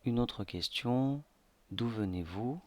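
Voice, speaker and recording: Slow, hesitant man teaching a lesson. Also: mid-range voice, darkish tone, no echo. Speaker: language teacher. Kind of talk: slideshow lesson narration.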